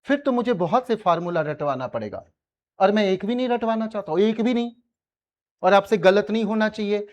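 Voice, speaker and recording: Man with a high voice, maths teacher, classroom lecture, coaxes students for answers. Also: animated, a little fast, lo-fi sound. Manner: coaxing, teasing students for answers; mixes English phrases into speech.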